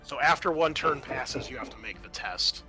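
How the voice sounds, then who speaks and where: A man serves as game master for a horror roleplaying game, narrating and refereeing haltingly with stretched, dramatic emphasis. His mid-range voice is animated, with background music under it.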